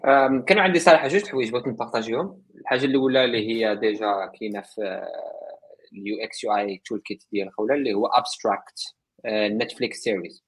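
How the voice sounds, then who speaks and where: A man's voice: fairly low pitch, rapid-fire, breathy edge, rough recording. A man with a Moroccan accent talking casually and giving recommendations, switching often between Arabic and English. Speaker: panel participant sharing recommendations. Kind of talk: casual talk recommending resources.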